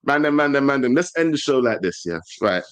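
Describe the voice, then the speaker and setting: A man's voice: mid-range voice, sing-song, brisk, clear, resonant tone. Man, London accent, roadman slang, panel host, casual football banter.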